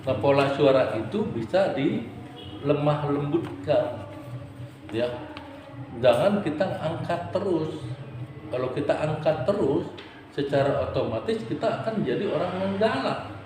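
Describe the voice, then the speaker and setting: A man preacher giving a religious study lecture, playful and lively, sometimes acting out quarrelsome vendors. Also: a little high, a little slow, pauses often, background noise. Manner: lively rising and falling intonation. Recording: very echoey hall.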